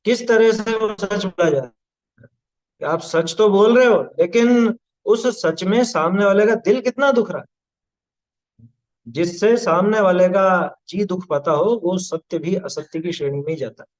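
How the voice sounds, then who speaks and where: A man's voice: sits high, unhurried, low-quality recording. A man teaching a scripture class, explaining patiently and checking understanding with rhetorical questions, now and then reciting Sanskrit verses. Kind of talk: scripture study discourse.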